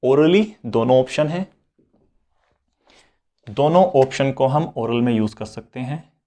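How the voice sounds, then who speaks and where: A man's voice: mid-range voice, lively intonation, slow, warm tone. A man teaching a beginners' language lesson, switching between Hindi and English and repeating each point. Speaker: French teacher. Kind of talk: slow explanatory lesson.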